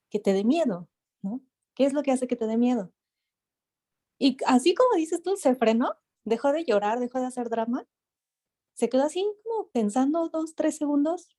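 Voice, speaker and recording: A woman's voice: on the high side, dark tone. A woman with a Mexican Spanish accent, a coaching student, sharing thoughts in a hesitant way with many fillers. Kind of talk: sharing reflections in class. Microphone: video call.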